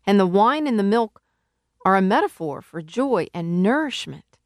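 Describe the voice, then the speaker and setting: A woman's voice: medium pitch, sing-song, normal speed, no room sound, clean studio sound. A woman preaching a sermon in an earnest, emphatic way, working through scripture. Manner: earnest, emphatic, rises to calling out. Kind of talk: sermon teaching.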